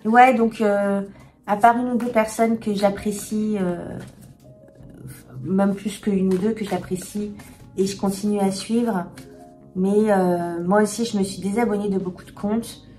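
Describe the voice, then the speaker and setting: A woman chatting candidly to camera as a tarot reader, talking frankly and often pausing to search for words. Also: medium pitch, steady tone, warm tone, faint music behind. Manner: hesitant, many filler pauses, frank and confiding. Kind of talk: candid casual vlog chat.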